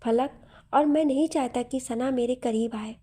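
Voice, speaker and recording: Storybook casting: a woman playing a shy, defensive young man, mellow tone. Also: sits high, moderate pace, slightly rough. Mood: sulky. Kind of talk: storybook narration.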